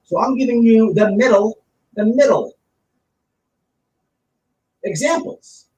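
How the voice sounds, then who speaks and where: A streamer speaks slowly in a high-pitched, somewhat mellow voice, offering opinionated commentary that is blunt and casual. He stresses points by repeating phrases and gives examples; the recording is roomy, from a distant mic with faint noise.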